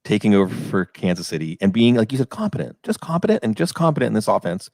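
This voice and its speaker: Deep-voiced man talking fantasy football. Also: big pitch swings, fast talker, creaky, darkish tone, no room sound, clean studio sound. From western Pennsylvania. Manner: talkative, rambling, asks questions. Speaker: fantasy football podcast host. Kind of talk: casual chat.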